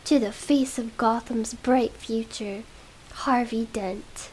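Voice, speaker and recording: A woman whispering the part of a smooth, rich young playboy in a whispered role-play reading. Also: on the high side, steady tone, takes it slowly, darkish tone, a little hiss or hum, poor audio. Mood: teasing.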